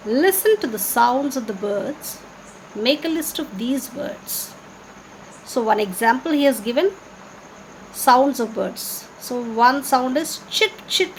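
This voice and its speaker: Slow, high-voiced woman teaching young children. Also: poor audio. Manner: slow, simple explaining to young children, with questions and repetition. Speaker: primary school teacher. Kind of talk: children's online class lesson. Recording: noticeable background noise.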